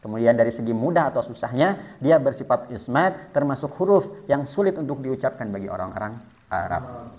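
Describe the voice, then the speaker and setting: A man's voice: medium pitch, expressive, brisk, darkish tone. A man teaching Quran recitation rules, patiently explaining each step and modelling sounds for students to repeat. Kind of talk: tajwid lesson with spoken demonstrations. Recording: dull lo-fi sound.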